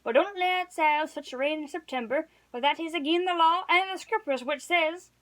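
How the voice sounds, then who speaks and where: Doleful old countryman in his seventies, rustic dialect, slow and gloomy; read by a woman with a high voice. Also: a bit bright, low-quality recording. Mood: emphatic. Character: doleful, pious old male villager, seventies.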